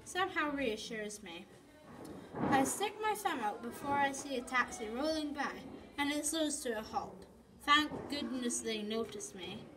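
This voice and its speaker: A woman reading her own story aloud, slowly and haltingly, with restarts. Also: high voice, noisy background. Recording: voice from off the mic, people chattering behind.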